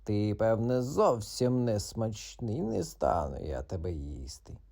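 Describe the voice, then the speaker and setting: A grumpy, self-important tomcat from a children's audiobook, growling slow, drawn-out threats. A man puts on the voice, pitched lower than his own. The tone is mellow and dark. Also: big pitch swings, gravelly, full character voice. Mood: gruff, proud. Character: proud, grumpy tomcat, noble and blustering.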